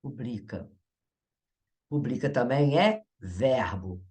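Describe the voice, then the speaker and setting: A woman's voice: low-pitched, lively intonation, unhurried. A Brazilian woman teaching Portuguese grammar in an exam-prep lesson. She talks in a chatty way, asks the viewer questions and laughs at herself. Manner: upbeat viewer prompts.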